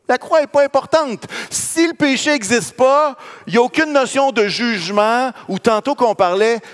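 Quebec pastor guy preaching in a church, pretty high voice, long echo, keeps asking the crowd if they follow. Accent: Quebec French. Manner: conversational, checks in with the congregation. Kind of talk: sermon.

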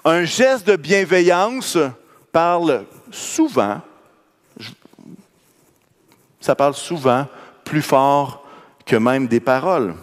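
A man's voice: fairly high pitch, lively intonation, takes it slowly, pauses often, in a large hall. A man preaching a sermon with a Quebec French accent, talking conversationally and checking in with the congregation. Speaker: pastor. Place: church.

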